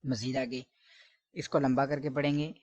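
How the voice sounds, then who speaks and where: A man's voice: mid-range voice, little pitch movement, a little mellow, dry recording, lo-fi sound. A man teaching letter pronunciation, correcting common mistakes and stretching each sound long. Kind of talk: recitation lesson.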